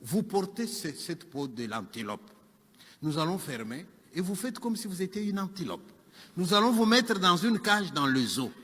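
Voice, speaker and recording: A man voicing a calm, persuasive male zoo manager explaining a job. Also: sits high, normal speed, slightly rough, in a large hall, full character voice. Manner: explanatory, matter-of-fact.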